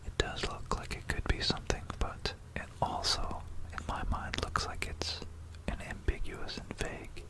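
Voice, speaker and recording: In a low-quality recording, an ASMR presenter whispers history narration at a moderate pace with few pauses, musing aloud between passages. They speak close to a stereo binaural microphone.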